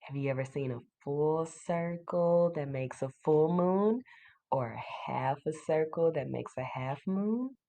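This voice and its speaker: A woman teacher reads a children's book aloud to her class in a low-pitched, warm voice. She stops now and then to explain things simply and ask the young listeners questions.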